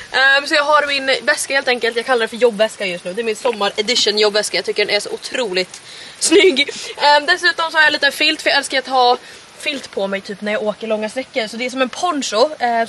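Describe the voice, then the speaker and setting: A bright, high-voiced woman in her 20s records a casual, chatty road trip vlog around a camper van and a car. The handheld vlog camera captures her along with clear background noise.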